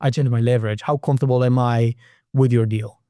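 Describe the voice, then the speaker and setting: Guesting on a casual podcast, a man from Israel who speaks Hebrew natively explains lending from his work as a private real estate lender, restarting frequently. His Israeli-accented voice is mid-range, warm, steady and fairly quick. The audio is studio quality with no echo.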